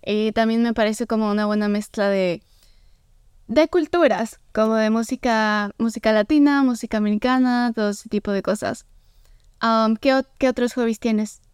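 A woman's voice: a little high, clear, resonant tone, no room sound, clean studio sound. A woman hosting a casual podcast, a chatty and friendly interviewer. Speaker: podcast host.

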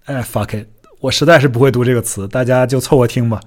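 A man hosting a casual solo podcast, chatty and self-deprecating, who drops English words into his talk and slows down to sound out foreign words carefully. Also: mid-range voice, fairly even intonation, darkish tone. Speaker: podcast host.

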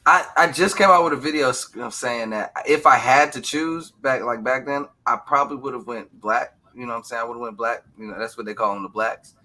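Bright, forceful, slangy man. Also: medium pitch, a little fast, hardly any pauses. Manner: slangy, frank, swearing. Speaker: panelist and online creator. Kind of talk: casual group chat.

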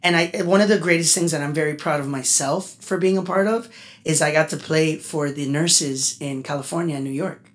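A man, a musician guest on a casual podcast interview, talking in an animated, chatty way that turns heartfelt. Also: on the high side, a little fast. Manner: animated, talkative, gets emotional.

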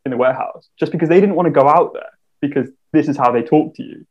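A young man from England hosting a casual chat, telling stories in an animated way and laughing as he talks. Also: fairly high pitch, fast, husky, dull audio. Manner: animated storytelling, laughs while talking. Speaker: podcast host.

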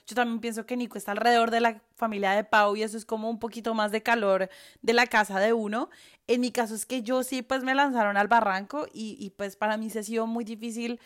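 A woman's voice: a little high, fairly even intonation, brisk. A woman from Colombia with a Colombian accent, chatting casually on a podcast and swearing freely. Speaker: podcast co-host.

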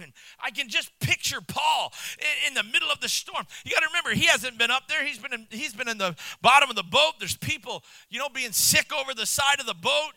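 Male missionary preacher, very bright sharp tone, dry close sound, animated sermon delivery. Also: very high voice, gravelly, no echo, rough recording. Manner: animated storytelling, swings to shouting; chuckles between points.

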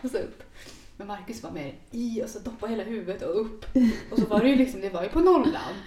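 Woman podcast co-host, lively storyteller who laughs often, sitting off-mic in an echoey room. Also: medium pitch, recorded from a distance, crowd noise. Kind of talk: casual chat.

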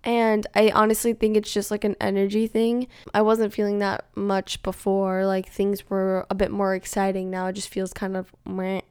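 A young woman talks to camera from home in a loose, rambling confessional chat, leaning on "like" over and over. Her voice is strikingly smooth and crisp, and the sound is completely dry with no room echo at all. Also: mid-range voice, completely flat delivery, moderate pace, hardly any pauses, darkish tone. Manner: rambling, filler-heavy, says "like" constantly. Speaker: vlogger.

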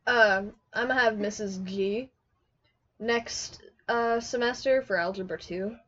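A woman's voice: mid-range voice, unhurried, a bit bright. A teenage girl co-hosting a casual podcast, giggling often and swearing freely. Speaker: podcast co-host. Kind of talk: casual chat. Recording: dull lo-fi recording.

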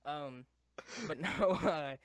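Young man, casual podcast chat, rambling, swears a lot, higher voice, dry sound. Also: extremely slow, clean tone, no room sound. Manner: rambling, swears, laughs often. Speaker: podcast co-host.

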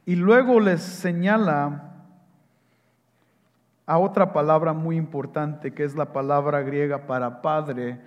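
Male pastor, high voice, slow emphatic sermon delivery, long church reverb. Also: dull audio. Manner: emphatic preaching with wide swings in loudness; reads scripture aloud slowly and solemnly. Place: church sanctuary at a pulpit.

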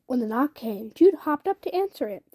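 A woman's voice: sits high, big pitch swings, moderate pace, mellow, husky. A young woman casually reading a novel aloud, often stumbling and restarting phrases. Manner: reads with frequent slips and restarts. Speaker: reader.

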